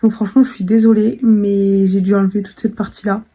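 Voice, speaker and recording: A woman's voice: mid-range voice, little pitch movement, a little fast, dark tone. A young woman chatting casually to camera in a vlog, full of fillers and restarts. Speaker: vlogger.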